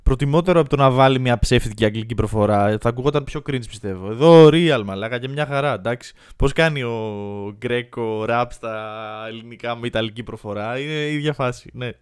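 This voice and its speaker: A man hosting a podcast and reacting to a rap album in casual commentary. He gets excited, uses slang and swears freely, and thinks out loud as he goes. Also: mid-range voice, hardly any pauses, clean tone.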